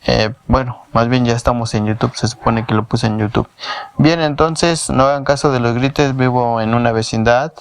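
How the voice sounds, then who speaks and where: A language teacher with a Mexican Spanish accent patiently works through a whiteboard lesson from his home in a shared housing block, repeating words syllable by syllable. His voice is medium in pitch and moderately paced, with a clean tone and no room sound.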